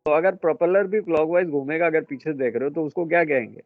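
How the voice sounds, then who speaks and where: A man teaching a class on ships, quizzing and correcting his students in a brisk, scolding way. His voice sits a little high and sounds dry and close. The sound is dull and muffled, with faint music underneath. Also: no room sound. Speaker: instructor. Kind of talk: classroom lecture.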